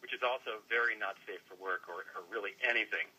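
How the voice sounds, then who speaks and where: A man talking casually as a radio interview guest, somewhat halting and repeating words mid-phrase. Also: fairly low pitch, bright, forceful tone, breathy edge, poor audio. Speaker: interview guest, website editor.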